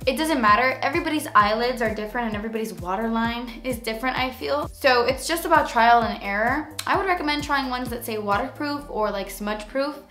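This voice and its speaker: A woman with a raspy voice today, casually talking through a makeup tutorial in a chatty way full of fillers. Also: fairly high pitch, brisk, hardly any pauses, sharp tone, reverberant, soft background music. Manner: chatty, filler-heavy, frequent "like". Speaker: beauty vlogger.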